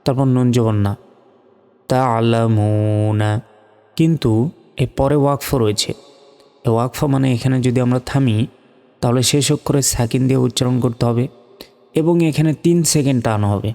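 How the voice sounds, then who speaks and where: A man teaching Quran recitation step by step, spelling out letters and vowel marks, then chanting the words slowly and drawn out. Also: medium pitch, warm tone, long reverb tail, soft background music.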